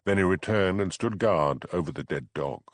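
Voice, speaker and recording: Male audiobook reader, low and lively, close dry studio sound. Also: moderate pace, no echo. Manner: expressive, dramatic. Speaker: audiobook narrator. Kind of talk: scripted narration.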